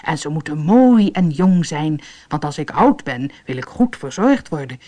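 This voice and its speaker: A woman voicing a boastful, greedy poor man, excited and grandiose. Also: sits low, moderate pace.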